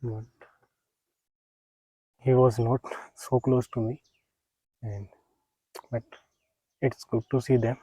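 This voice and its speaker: A man narrating a casual outdoor wildlife vlog in a halting, unhurried, understated way. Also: mid-range voice, little pitch movement, dark tone, husky, dry recording, rough recording. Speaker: wildlife photographer vlogger. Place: outdoors in nature, close dry sound.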